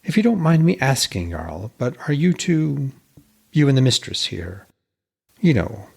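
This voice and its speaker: A man's voice: medium pitch, big pitch swings, unhurried, vocal fry, husky, voice pushed up, full character voice. A man voicing a hearty, deferential and inquisitive smith in a dramatised reading of a myth tale. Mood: prying, polite. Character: hearty, respectful, eager male smith, a family man.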